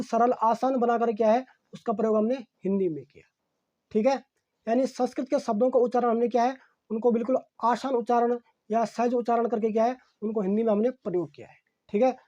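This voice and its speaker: A man's voice: extremely high pitch, dark tone. A male teacher giving an exam-prep grammar lesson, repeating key phrases and posing rhetorical questions that he answers himself, with frequent "okay, friends" fillers. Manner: fills pauses with "okay, friends".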